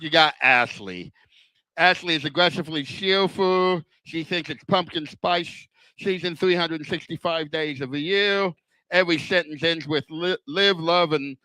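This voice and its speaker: An older man doing stand-up comedy with a slurred, whistling lisp, as if missing front teeth, delivering self-deprecating punchlines deliberately. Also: a little high, sharp tone, clean tone, no echo, rough recording.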